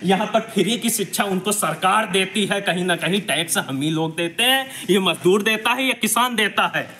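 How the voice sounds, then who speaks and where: Indignant high-voiced man reporting. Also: animated, normal speed, echoey room, a little hiss or hum. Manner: indignant, emphatic, loud denunciation. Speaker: social activist reporter. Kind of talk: on-the-spot investigative video report. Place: village primary school grounds, walking around.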